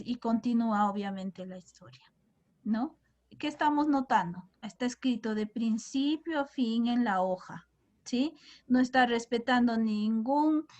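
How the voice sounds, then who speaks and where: A young woman teacher, explaining to her class and asking them questions often. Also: a little high. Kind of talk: classroom lesson.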